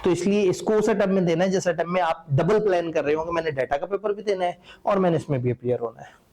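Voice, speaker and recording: A man's voice: high voice, fast talker, a little mellow. A man lecturing accountancy students in a conversational, wry and opinionated way. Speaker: teacher.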